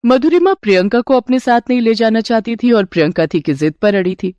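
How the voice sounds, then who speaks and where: A woman narrating an animated moral storybook in an even, clear storytelling voice. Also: on the high side, fairly quick, no echo, dull audio.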